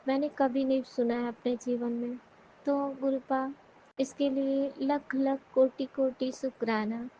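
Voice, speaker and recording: High-voiced woman giving devotional testimony. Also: flat delivery, a little slow, mellow. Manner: earnest, repeatedly addresses the listeners. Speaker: devotee sharing a satsang. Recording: dull lo-fi recording with faint noise.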